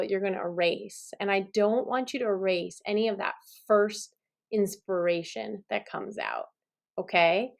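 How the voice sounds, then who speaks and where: Chatty, encouraging woman teaching songwriting. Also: mid-range voice. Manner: encouraging, chatty, laughs at herself. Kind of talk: relaxed instructional talk to camera.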